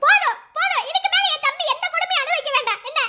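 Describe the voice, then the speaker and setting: A woman voicing a furious, proud woman who defends her brother and scolds, shouting orders in a cartoon love story. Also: very high-pitched, lively intonation, rapid-fire, reverberant, voice pushed up, heavily acted. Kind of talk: Tamil cartoon voice acting.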